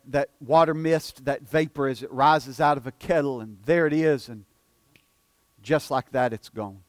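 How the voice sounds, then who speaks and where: This forty-year-old pastor's voice is on the high side as he preaches with earnest feeling, repeating and tripping over words and softening his voice for emphasis. No room sound is audible.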